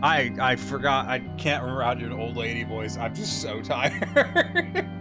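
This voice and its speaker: A man's voice: medium pitch, sing-song, normal speed, loud music behind the voice. A man giving casual, rambling gameplay commentary, sweary and self-deprecating. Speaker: game streamer.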